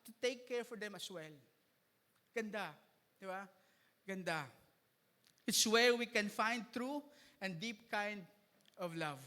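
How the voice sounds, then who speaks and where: In a reverberant church hall, a pastor preaches a sermon, switching between Tagalog and English and joking with his congregation. His voice sits high, with a sharp tone and a measured pace.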